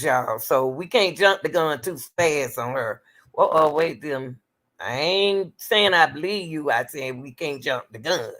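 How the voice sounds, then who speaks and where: A woman hosting casual true-crime commentary, reading case details aloud and breaking off to question them and talk straight to her viewers. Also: sits low. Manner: animated, talks straight to the audience, exclaims and questions; breaks off reading to argue with the material.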